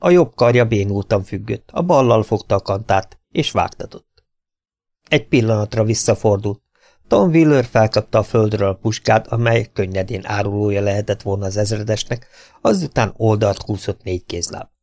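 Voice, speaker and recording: A man reading an adventure novel aloud as an audiobook narrator, in a steady, even storytelling manner. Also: lowish voice, no room sound, studio quality.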